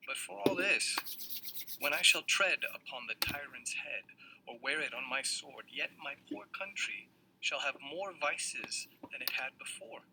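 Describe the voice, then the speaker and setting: An actor playing a guarded young male prince, delivering classical verse in a measured, solemn way. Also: a little high, pushed and bright, full character voice. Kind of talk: classical stage verse reading. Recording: noisy old audio recording.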